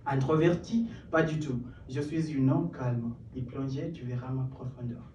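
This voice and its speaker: On a small stage in a cellar venue, a young Kenyan performance poet speaking English delivers spoken word at an open mic, his rhythm building as he adds self-deprecating asides. He has a warm, mid-range voice with a steady tone and moderate pace. The sound is roomy and distant, with a little hiss or hum.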